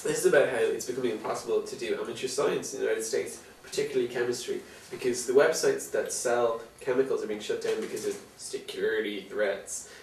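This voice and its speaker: Male co-host, irreverent deadpan humour; roomy room, distant mic. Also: mid-range voice, brisk, creaky, hardly any pauses, slight background noise. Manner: irreverent, laughing, deadpan dark jokes. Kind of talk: joking tech news chat.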